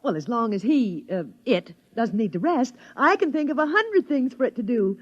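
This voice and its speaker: An actress playing a practical, coaxing, determined housewife in a 1950s radio drama, brisk and persuasive, on a muffled old recording. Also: female voice, on the high side, big pitch swings. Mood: eager, bossy.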